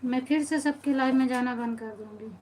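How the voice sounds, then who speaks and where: A woman in her thirties, a folk singer with an Awadhi-inflected Hindi accent, hosts a casual live stream, greeting viewers by name and grumbling about being tired and busy. Her voice is high-pitched and darkish, fairly quick, on a rough recording.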